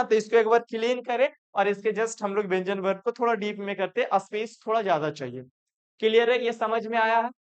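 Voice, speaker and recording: A man's voice: high voice, clear, resonant tone, dull audio. A male teacher giving a classroom grammar lesson, repeating points and asking and answering his own questions. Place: classroom with students.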